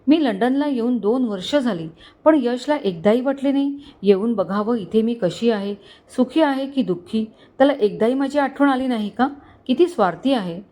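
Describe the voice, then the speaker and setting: A woman's voice: a little high, lively intonation, normal speed, warm tone, close to an everyday voice. A woman voicing a hurt, tender young wife in a storybook, pleading and emotional. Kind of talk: storybook dialogue.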